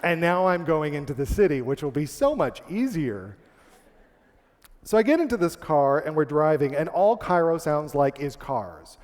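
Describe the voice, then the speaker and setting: A man's voice: a little high, big pitch swings, moderate pace, a little mellow. A man from Canada telling a comic, self-deprecating story on stage as a speaker. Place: large hall, on stage. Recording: long hall reverb.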